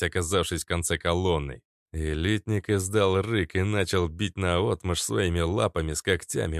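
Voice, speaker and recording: A man narrating an adventure audiobook in the first person, steady and even, on a close studio mic. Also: low-pitched, vocal fry, no echo.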